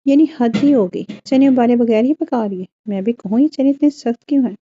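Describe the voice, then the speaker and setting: A woman's voice: fairly high pitch, fairly quick, warm tone, slightly rough, dull audio. A woman voicing a good-humoured young husband who teases his wife with dry humour. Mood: laughing teasing.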